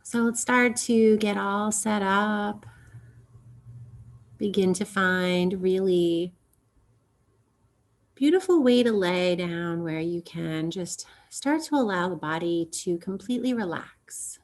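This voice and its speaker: With a soft, easy pace and long breaks between lines, a woman guides a yoga nidra relaxation meditation. Her voice falls in the middle range.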